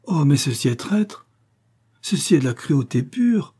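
A man's voice: mid-range voice, normal speed, mellow, slightly rough, natural voice. A man reading aloud, voicing a wheedling, insistent middle-aged matron who begs for money. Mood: indignant. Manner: pleading, insistent, dramatic.

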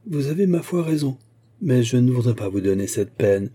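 A man's voice: mid-range voice, animated, normal speed, mellow, slightly rough. A man voicing a poised, teasing young noblewoman who speaks coyly and graciously.

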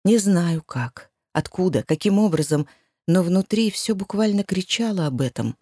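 A woman reading a first-person fantasy audiobook in an even, measured way. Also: lowish voice, husky, dry recording, clean studio sound. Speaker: audiobook narrator.

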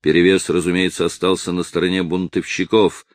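A man narrating a historical novel as an audiobook in a dramatic, measured way. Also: sits low, little pitch movement, dry recording, studio quality. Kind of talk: scripted narration.

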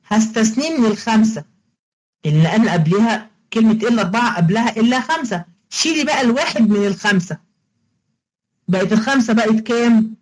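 A woman's voice: a little high, a little mellow, rough recording. A woman teacher with an Egyptian Arabic accent, giving an online lesson in a playful, coaxing way, repeating each step and quizzing her students. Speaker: religious studies teacher.

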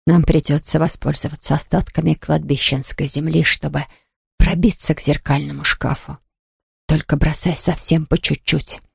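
A woman voicing a resolute older lady ghost-fighter, speaking low, hushed and firm. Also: fairly even intonation, fairly quick, vocal fry, few pauses, no echo, studio quality. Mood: determined.

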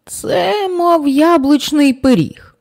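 Female narrator doing a wise old man for an audiobook: slow, gentle, patient explainer. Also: sits high, gravelly, pitched above the performer's own voice, heavily acted. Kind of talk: audiobook character reading.

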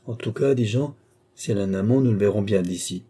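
A man's voice: fairly low pitch, fast talker, warm tone, breathy edge. A man voicing a flippant, scheming young nobleman in an audiobook. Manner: glib, ironic.

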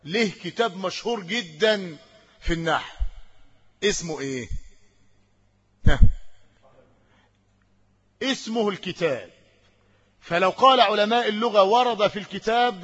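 A man with an Egyptian Arabic accent teaching an Arabic grammar lesson, quizzing his students and stretching out key words slowly for emphasis. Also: sits high, fairly bright tone, husky, dull audio. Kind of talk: classroom lesson with questions to students.

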